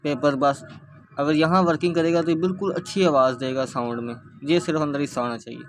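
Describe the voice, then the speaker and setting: Pakistani urdu guy walking thru a speaker fix, kinda monotone, steady and repetitive. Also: fairly high pitch. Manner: steady, repetitive explaining while working with hands. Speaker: speaker repair instructor. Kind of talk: hands-on repair tutorial.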